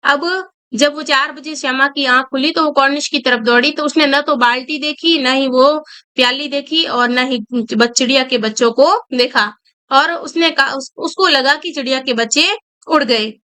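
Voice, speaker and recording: A woman's voice: sits high, normal speed, bright, forceful tone. A woman reading a story aloud to students and explaining each line in simple words. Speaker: Hindi teacher.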